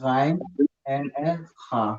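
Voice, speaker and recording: A man with a Sylheti accent leads a live online recitation lesson at an ordinary pitch. He drills each sound patiently and slips English into his speech. The video call audio is dull and lo-fi. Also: drawn-out words. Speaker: Quran teacher.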